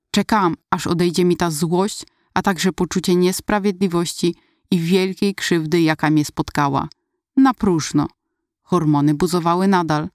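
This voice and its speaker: A woman narrating her own memoir in the first person, in a measured, reflective way. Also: on the low side, a little mellow, no echo, clean studio sound.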